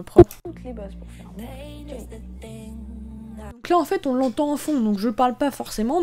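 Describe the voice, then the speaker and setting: A woman's voice: high voice, warm tone. A young woman walking viewers step by step through a video-editing tutorial, casual with frequent fillers. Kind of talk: screen-recorded software tutorial.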